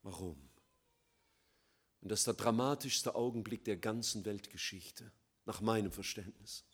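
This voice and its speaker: A man preaching a sermon, swinging between loud emphatic lines and quiet, low, slow passages. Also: husky.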